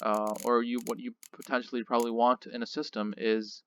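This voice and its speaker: Bright-voiced man rambling over gameplay. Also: medium pitch, little pitch movement, fairly quick, slight background noise. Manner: rambling, filler-heavy, mildly sarcastic. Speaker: gaming channel host. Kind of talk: casual gameplay commentary.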